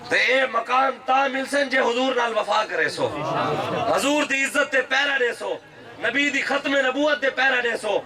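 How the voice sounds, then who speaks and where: A man giving an impassioned sermon, telling stories and preaching with fervor, rising now and then to shouts. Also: very high-pitched, far from the mic. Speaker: pir addressing a religious political gathering.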